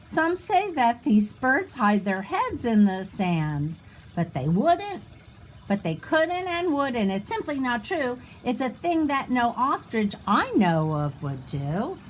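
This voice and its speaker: A high-voiced woman reads a rhyming children's book aloud, her pitch swinging widely in a sing-song style as she takes it slowly and adds little asides for her young listeners. The audio is poor, with light ambient noise behind her.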